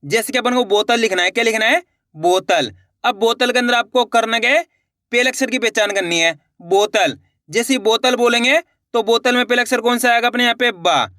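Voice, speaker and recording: The voice is very high, brisk and sharp: a man leading a slow Hindi reading lesson, sounding each letter and then joining it into the word. He addresses viewers as friends and asks if they follow, on a dry, studio-quality recording.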